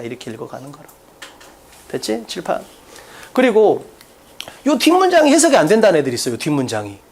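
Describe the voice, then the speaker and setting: A man teaching an exam-prep English lesson in a classroom, blunt and full of rhetorical questions, with crude slang mixed in. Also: high-pitched. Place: classroom in front of a blackboard.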